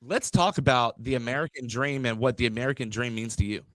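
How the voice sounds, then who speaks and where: A man's voice: mid-range voice, fast, fairly bright tone, no room sound, poor audio. A man hosting a podcast from a studio, reading out sponsors and introducing a guest in a hyped-up, stumbling way, often repeating his words. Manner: hype-driven, repeats words, stumbles on them. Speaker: podcast host.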